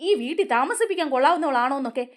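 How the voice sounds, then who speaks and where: A woman's voice: high-pitched, lively intonation, racing. A woman voicing an angry young man from a TV serial, accusing and raising her voice. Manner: accusing, raised voice.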